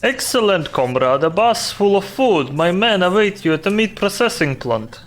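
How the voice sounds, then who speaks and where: A man doing a gruff Russian mob boss. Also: high voice, sing-song, soft background music. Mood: commanding. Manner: slow commanding address to "comrade".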